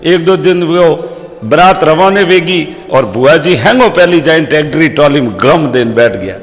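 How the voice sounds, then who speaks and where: A man's voice: a little high, normal speed. A man with a Rajasthani accent telling comic folk stories and proverbs as a stage comedian. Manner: lively storyteller quoting proverbs. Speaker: stand-up comedian. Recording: long hall reverb.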